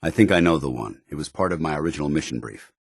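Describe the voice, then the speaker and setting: A stern, loyal paladin soldier in a video game. His voice is deep and gruff, a little husky, recorded dry and close. He speaks in clipped, commanding, formal military phrases. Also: expressive, quick pace, dry recording, exaggerated voice. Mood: steady, businesslike. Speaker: military companion character.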